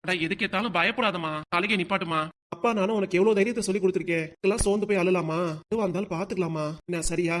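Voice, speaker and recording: A middle-aged cartoon father, voiced by a performer, patient and persuasive. He talks in a breathless rush, and his voice sits at a moderate pitch. He sounds like a calm village dad reassuring his daughter. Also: rapid-fire, lightly acted. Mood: coaxing. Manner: gentle, persuasive, lecturing. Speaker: father of the bride-to-be. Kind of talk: cartoon voice acting.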